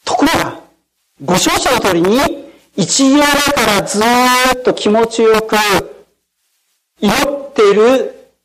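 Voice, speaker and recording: A mid-range voice at a measured pace comes through heavy background noise. The pastor's sermon is formal and explanatory, mixed with storytelling, and he often closes with solemn set phrases, especially "de arimasu", while questioning his listeners.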